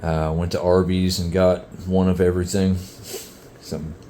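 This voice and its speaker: A middle-aged vlogger breathes hard as he chats about his hike outdoors on a trail, relaxed and peppered with fillers. He speaks in a low, dark-toned voice with a level delivery and measured pace, over slight background noise.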